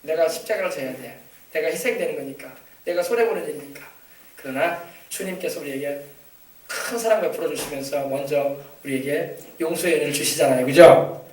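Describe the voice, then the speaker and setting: A male pastor delivers a sermon, coaxing his congregation for responses and repeating key phrases for emphasis. His voice sits high for a man. The recording comes from far off the mic in an echoey church hall. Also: a little fast, darkish tone. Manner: exhorting, prompting the congregation for amens. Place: church sanctuary.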